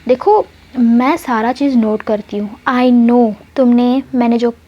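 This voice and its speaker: A woman's voice: a little high, slow pace, dull audio. A woman voicing a young female student who questions insistently and directly in a spoken love story.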